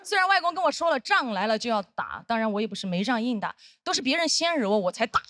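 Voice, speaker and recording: A woman in her thirties performing a stand-up comedy set on stage, telling stories with animated acted-out voices. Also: fairly high pitch, fast, no echo, clean studio sound. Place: comedy stage with live audience.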